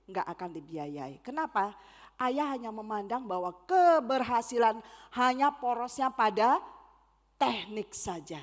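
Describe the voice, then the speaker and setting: A middle-aged woman giving a church talk on parenting, speaking directly to the congregation in a lively way and acting out the people she quotes. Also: mid-range voice. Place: church hall. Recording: church hall reverb.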